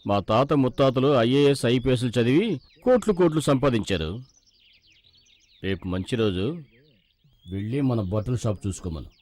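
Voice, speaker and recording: A man's voice: mid-range voice, animated, a little mellow, natural voice. Stern dismissive father, a man playing him. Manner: dry, dismissive, measured. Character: stern, stubborn middle-aged father. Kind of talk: film comedy dialogue. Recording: film soundtrack with faint music.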